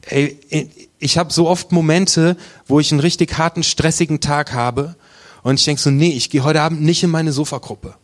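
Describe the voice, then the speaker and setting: A man's voice: fairly high pitch, fairly even intonation, normal speed. A man preaching, telling his own faith story earnestly and intimately, at times dropping to a near whisper. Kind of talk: testimony sermon.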